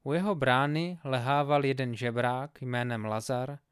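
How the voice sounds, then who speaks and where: A man reads scripture aloud with measured, solemn pacing. His voice is smooth and resonant, at a middle pitch. The recording is close and dry, with no room sound. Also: steady tone, dry recording. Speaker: Bible reader.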